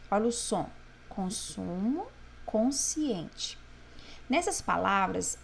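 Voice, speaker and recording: A woman's voice: mid-range voice, vocal fry, darkish tone, a little hiss or hum. A woman teacher going through homework corrections, patiently sounding words out syllable by syllable. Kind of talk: correcting homework exercises aloud.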